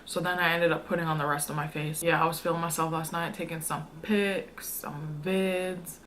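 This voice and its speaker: A woman's voice: low voice, fairly even intonation, moderate pace, heavy background noise. A young woman chatting casually to her viewers as a food vlogger, in an informal, slangy, rambling way. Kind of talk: casual mukbang chat to viewers.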